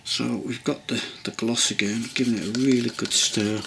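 A man with a gravelly, medium-pitched voice talks at a normal speed with fairly even intonation, and background noise can be heard. Sitting at an indoor hobby workbench, he casually narrates a model-building tutorial, rambling and hesitating with lots of ums and restarts.

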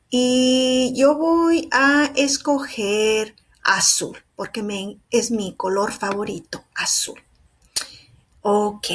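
A young woman teaching young children, speaking in, in a slow, sing-song, encouraging way. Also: fairly high pitch, a little hiss or hum. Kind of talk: children's lesson.

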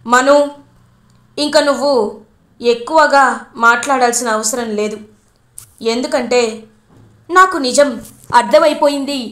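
A stern mother in a retold serial, firm and deliberate, as a woman storyteller puts her on. The voice is high. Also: fairly bright tone. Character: stern mother revealing a family secret.

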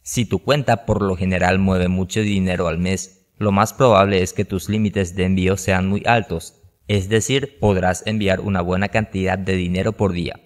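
A man with a notably deep, low voice delivers scripted narration for an explainer video. His reading is even and steady, with no fillers or slips, in the manner of a voice-over. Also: moderate pace. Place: voice-over over whiteboard animation and stock footage.

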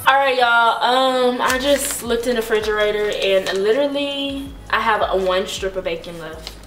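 A woman's voice: a little high, moderate pace, fairly bright tone, reverberant, faint music behind. A young Texan woman vlogging in her kitchen, chatty and casual, swearing freely and saying y'all. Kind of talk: casual vlog chat. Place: home kitchen.

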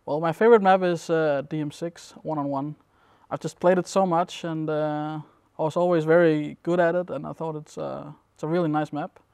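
A young man from Denmark talks through interview answers at an easy, wandering pace, full of little fillers. His voice is smooth and clear, a bit high for a man, and flat in its melody. The sound is dry and close. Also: moderate pace, hardly any pauses, no room sound. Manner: relaxed, rambling with many fillers. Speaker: interviewee, competitive gamer. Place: dim indoor room at a gaming event.

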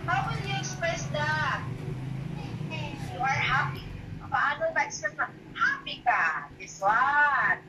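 A woman's voice: sits high, sing-song, slow. A woman teacher with a Filipino accent leading a grade one online class review, patiently asking children questions and praising their answers. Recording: roomy, distant mic with background noise.

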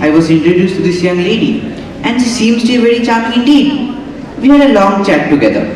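A young man with a slightly high voice acts in a school play, playing a friendly, obliging male painter in a formal, theatrical style with light acting. He's a student actor picked up by a far stage mic, so the hall sounds echoey and distant, with noise.

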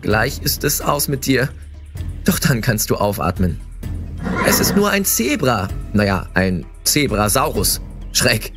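A man narrating a scripted second-person story in a playful, dramatic way, with excited exclamations. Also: medium pitch. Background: background music.

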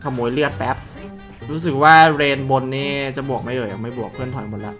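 A man calling his own mobile game match, swearing, teasing, and yelling at his teammates. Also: medium pitch, fairly quick, faint music behind. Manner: loud, crude, joking, shouts at teammates. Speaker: gaming streamer. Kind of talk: excited live game commentary.

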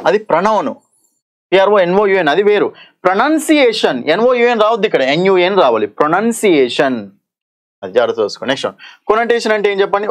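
Lively man teaching exam English. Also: a little high. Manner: explains in Telugu mixed with English terms, often asks "okay?"; reads English question text slowly and deliberately. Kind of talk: exam-prep lesson.

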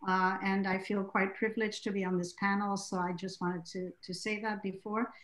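A woman speaking on a panel over a video call, in a gracious and measured way. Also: medium pitch, level tone, fairly bright tone. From Zimbabwe. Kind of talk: academic panel discussion. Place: room with bookshelves. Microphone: laptop video call. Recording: roomy video-call audio.

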